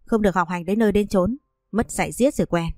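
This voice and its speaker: A woman voicing a sharp-tongued, scolding middle-aged mother-in-law who sneers at her son's wife. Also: mid-range voice, fast, no room sound, clean studio sound, close to an everyday voice. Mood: scornful.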